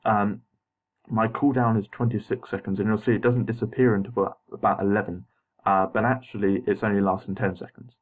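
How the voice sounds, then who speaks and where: A man's voice: fairly low pitch, steady tone, brisk. A young man with braces slightly muddying his words, giving hesitant, apologetic, casual gaming commentary as an unscripted voice-over. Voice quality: slightly muffled articulation from wearing braces. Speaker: gameplay video narrator. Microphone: voice-over recorded over game footage. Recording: muffled phone-like home voice-over.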